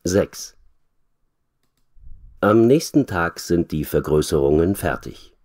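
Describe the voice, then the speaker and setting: A man reading a graded storybook aloud for language learners, slowly and clearly. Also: low-pitched, expressive, darkish tone. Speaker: reader.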